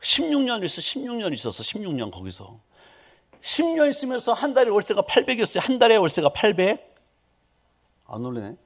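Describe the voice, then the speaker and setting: Man, pastor, lively sermon, high voice, swinging pitch, acted-out quotes. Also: fairly quick. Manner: animated storytelling, acting out quoted prayers.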